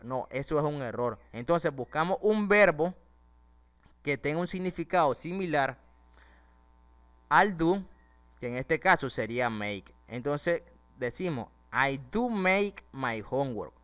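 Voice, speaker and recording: A man's voice: a little high, a bit bright, smooth. A man with Spanish as his first language, explaining English grammar step by step and asking his students questions as he goes. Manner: explains step by step, asks the class rhetorical questions. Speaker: English teacher. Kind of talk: classroom-style grammar lesson.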